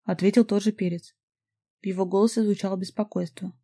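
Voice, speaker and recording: Brief: female audiobook narrator, steady first-person storytelling, soft dark tone. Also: medium pitch, brisk.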